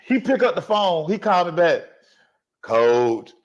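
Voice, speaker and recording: A man who once coached high school football, telling a story in casual, slangy sports talk and voicing the people in it. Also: a little fast, muffled recording. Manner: animated, slangy storytelling with voiced quotes. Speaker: sports talk show host.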